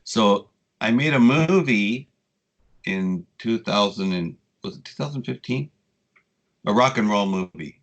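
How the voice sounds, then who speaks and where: A man in his sixties, a guest telling casual, rambling stories with frequent swearing, getting animated when he quotes people. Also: lowish voice, a little slow, muffled recording. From United States. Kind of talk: casual storytelling interview.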